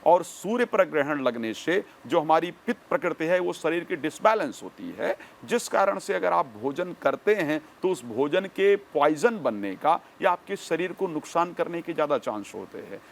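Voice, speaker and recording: A man speaking as an expert guest, giving formal, measured instructions point by point. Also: fairly high pitch, very animated, vocal fry. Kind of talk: explanatory interview answers.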